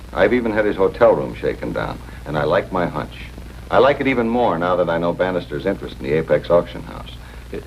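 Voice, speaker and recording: A man playing a confident, matter-of-fact police detective in a 1950s TV broadcast drama. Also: low-pitched. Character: confident middle-aged male police detective. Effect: 1950s TV broadcast sound. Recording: dull lo-fi 1950s TV soundtrack with faint hiss.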